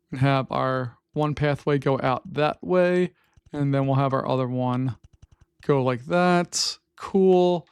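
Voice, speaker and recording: A man's voice: on the high side, darkish tone, clear, resonant tone, no room sound. A man hosting a gameplay video, thinking aloud in casual commentary, wry and easily exasperated. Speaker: gaming host.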